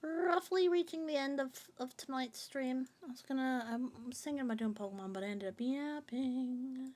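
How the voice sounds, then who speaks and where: A woman streamer with a high, slightly mellow voice chats casually with her viewers at a moderate pace. She rambles and jokes in a playful, sing-song way, reading chat aloud as she goes.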